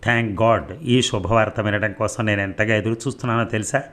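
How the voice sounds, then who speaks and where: Guy reading an eager young husband in a novel audiobook, lowish voice. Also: steady tone, normal speed, a bit bright, natural voice. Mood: overjoyed.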